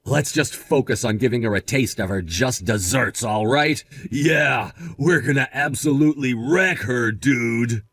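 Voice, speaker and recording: An actor playing an easygoing young boyfriend who talks in a casual, slangy way. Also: male voice, medium pitch, unhurried, hardly any pauses, fairly bright tone. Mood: scheming.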